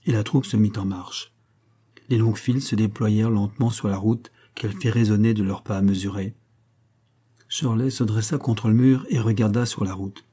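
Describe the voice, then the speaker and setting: A man reading a novel aloud as audiobook narrator, in a measured, steady manner. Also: fairly low pitch, breathy edge. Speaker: audiobook reader. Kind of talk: scripted narration.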